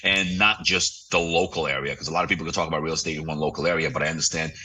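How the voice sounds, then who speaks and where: Fast-talking deep-voiced man, distant mic. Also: steady tone, sharp tone, slight background noise. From Romania. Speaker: real estate broker, guest. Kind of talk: casual interview talk.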